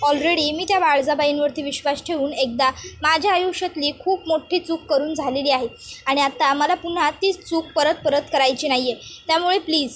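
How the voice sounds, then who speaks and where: A man's voice: extremely high pitch, normal speed, fairly bright tone. A woman voicing a stern young husband from a TV serial recap, lecturing impatiently. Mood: firm. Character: stern young husband, scolding his wife.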